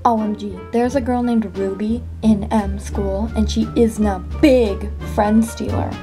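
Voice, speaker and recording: Casual female vlogger with average pitch, reading comments sarcastically over prominent music. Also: steady tone, measured pace. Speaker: video creator and host. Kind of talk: casual vlog, reading comments aloud and reacting.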